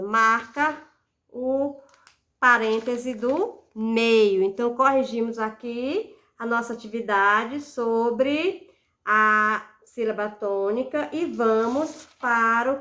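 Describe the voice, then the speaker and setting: A female teacher gives a recorded classroom lesson, patiently stretching out syllables as she sounds out words. Her voice is a little high and a bit bright.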